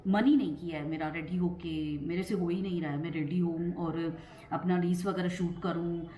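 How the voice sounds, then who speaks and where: Fast-talking woman vlogger, echoey room. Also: lowish voice, steady tone, highs cut off. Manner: fast talker who stumbles over words and laughs often. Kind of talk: casual vlog chat.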